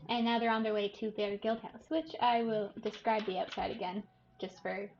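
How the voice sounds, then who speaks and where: A woman running a tabletop game as dungeon master, describing scenes in a relaxed way with fillers, on a muffled lo-fi recording. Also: mid-range voice, normal speed, soft background music.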